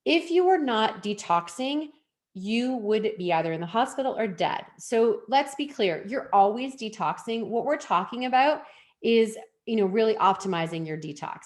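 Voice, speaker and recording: A woman's voice: a little high, expressive, normal speed. A woman from Canada presenting her wellness program on a live webinar, in an upbeat, chatty, enthusiastic way.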